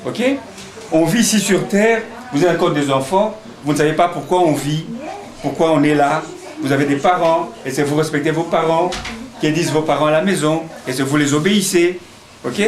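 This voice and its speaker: Man, 50s, teacher, higher voice, questioning, laughs often, crowd of children. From Congo. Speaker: singing-school teacher. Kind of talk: classroom talk with children. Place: indoor classroom with children. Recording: echoey room with children's crowd noise.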